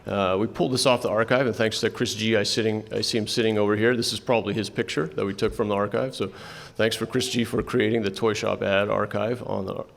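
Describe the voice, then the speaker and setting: Moderating a convention panel in an echoing hall, this man speaks fast in a lowish, steady, creaky voice with hardly any pauses. His delivery is conversational and full of restarts as he passes the floor to co-presenters.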